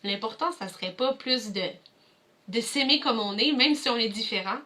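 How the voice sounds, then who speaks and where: A woman's voice: on the high side, normal speed, sharp tone. A young woman with a Quebec French accent, leading kids through a movement activity from home as a cultural mediator, encouraging and addressing viewers directly. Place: home, indoors.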